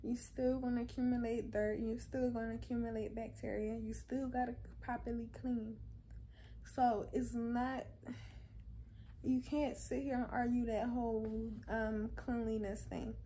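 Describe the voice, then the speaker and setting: A woman's voice: a little high, level tone, measured pace, warm tone, slight background noise, low-quality recording. A woman giving a casual opinion monologue to camera, conversational and insistent, repeating phrases for emphasis. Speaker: vlogger.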